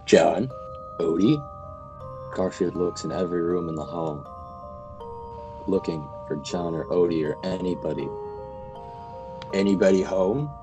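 A man giving a mock-dramatic spooky reading of comic strips, slow and theatrical. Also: sits low, over music, poor audio. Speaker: podcast co-host.

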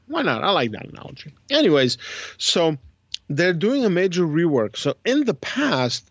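On a relaxed strategy-game podcast, a co-host with a fairly high pitch rambles through long explanations, repeatedly revising what he says as he thinks it through. The recording sounds muffled, with no room sound.

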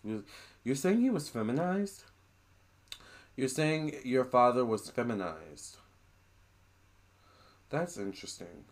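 A man in a casual monologue to camera, relaying a spirit's words in a chatty, animated way with gushing exclamations. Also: mid-range voice, slow pace, pauses often.

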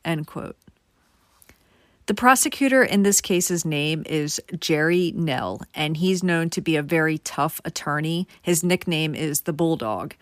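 A woman's voice: low voice, measured pace, no room sound, clean studio sound. A woman host narrating a true crime case in a casual, conversational way, talking straight to her viewers. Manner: conversational, addresses viewers directly.

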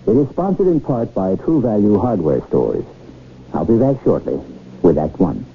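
A man hosting and narrating an old-time radio mystery in a measured, dramatic storytelling manner. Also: lowish voice, very animated, gravelly. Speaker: host and narrator. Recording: muffled old radio recording, loud music.

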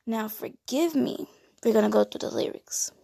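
Gravelly-voiced woman casually reviewing an album. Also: on the high side, moderate pace. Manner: explains lyrics line by line in relaxed casual speech. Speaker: music reviewer.

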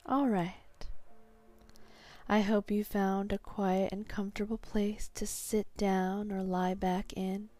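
A woman guiding a hypnosis meditation in a calm, soothing, meditative tone, soft and breathy, sinking toward a whisper at phrase ends. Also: medium pitch, slow pace, no room sound, soft background music. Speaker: hypnotherapy guide.

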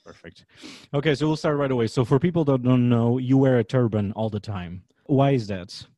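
A man's voice: mid-range voice, fairly quick, dark tone, no room sound. A man from Portugal with a Portuguese accent, hosting a podcast interview with friendly, upbeat introductions. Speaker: podcast host and chef.

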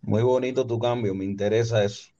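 A man's voice: medium pitch, steady tone, a little fast, mellow. Joking man calling in, muffled. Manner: joking, playful. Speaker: caller. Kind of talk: casual call-in chat. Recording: muffled, lo-fi call audio.

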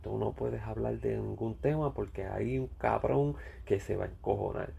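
Man, Puerto Rican accent, gravelly, mellow, blunt profane rant. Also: fairly low pitch, normal speed. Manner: blunt, profane, repetitive ranting. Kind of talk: casual rant.

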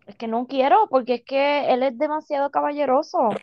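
A woman dishes gossip in a lively, casual chat, slipping English words into her talk. Her voice sits somewhat high, and the sound is dry with a slightly dull, lo-fi edge. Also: brisk, no echo. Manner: animated gossip, code-switching into English. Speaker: podcast co-host.

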